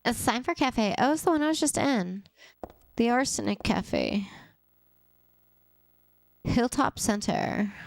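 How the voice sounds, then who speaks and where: A young adult woman streams a game, chatting casually and tossing wry asides to her viewers and to the character she's playing. Her voice is a little high with lively intonation, and she speaks slowly with long pauses on a dry recording.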